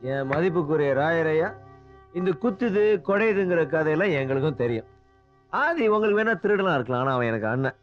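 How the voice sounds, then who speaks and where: A man's voice: on the high side, animated, brisk, faint music behind, lightly acted. An actor playing a drunk young man who mocks his elders, then pleads with his father. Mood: bitter. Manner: slurring, mocking then pleading. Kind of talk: film drama acting. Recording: dull film soundtrack.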